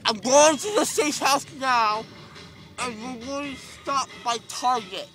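A young man speaks with his mouth stuffed with gauze, high-pitched and slow. He is groggy from anesthesia and rambles in a loopy, paranoid way, filmed on a phone in a car. Music plays in the background. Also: pushed and bright. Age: young adult. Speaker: patient after surgery. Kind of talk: casual filmed car ride. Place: car interior.

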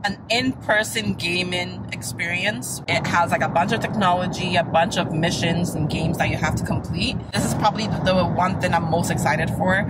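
A woman's voice: fairly low pitch, rough recording. Chatty young woman vlogging at arm's length. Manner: chatty, upbeat, laughs easily. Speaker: travel vlogger. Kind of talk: casual vlog narration. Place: car, restaurants and outdoor park. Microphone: handheld camera at arm's length.

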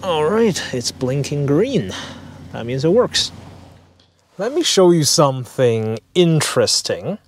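A man's voice: on the high side, very animated, slow. A man casually narrating an electric car road trip vlog, explaining things with frequent ums and uhs, recorded in a car and outdoors in a parking lot. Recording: noisy outdoor vehicle ambience.

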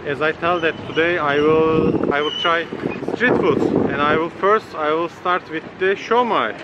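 A fairly high-voiced man talks through a face mask in a casual vlog, his English broken and halting. He stands on a busy city street, and heavy traffic noise nearly swamps him. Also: lo-fi sound. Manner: non-native English, broken phrasing. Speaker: vlogger. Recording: loud street noise behind. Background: loud traffic and street noise.

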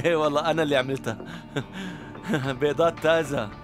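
A man's voice: fairly high pitch, steady tone, moderate pace, over music, natural voice. A man dubbing a cheeky teenage schoolboy who mocks a classmate in a TV drama. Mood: mocking. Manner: teasing, giggling. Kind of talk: dubbed TV drama.

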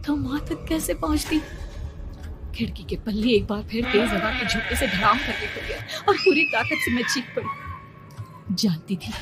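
A woman narrating a horror story in the first person, in a dramatic, suspenseful way. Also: high voice. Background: background music.

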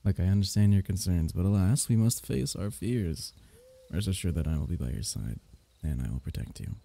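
A low, very dark, mellow voice with a gravelly edge belongs to a man portraying a loving fantasy court diviner in ASMR roleplay. The performance is animated and heavily acted, the mood gentle and reassuring. He teases in courtly language, pausing softly and letting out little chuckles.

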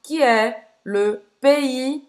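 A woman's voice: sits high, extremely slow. A woman with a Brazilian Portuguese accent hosting a casual language lesson, explaining things chattily and checking in with her listeners. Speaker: host, language teacher. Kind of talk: casual teaching chat.

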